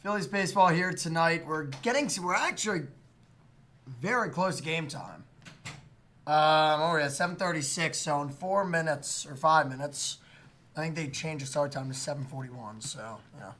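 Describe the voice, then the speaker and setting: A man's voice: fairly high pitch, normal speed, fairly bright tone. A man co-hosting a baseball fan livestream, rambling with lots of fillers. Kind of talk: casual fan chat.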